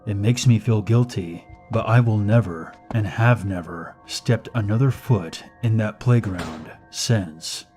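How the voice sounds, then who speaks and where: A man narrating a scary personal story in a steady, measured way. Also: fairly low pitch, faint music behind.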